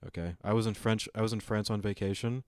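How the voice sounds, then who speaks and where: Low voiced guy streaming, joking around with his chat between clips, dry close mic. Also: steady tone, fast talker, a little mellow, no room sound. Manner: joking asides, talks to chat. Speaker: streamer reacting to a lecture. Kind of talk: casual reaction commentary.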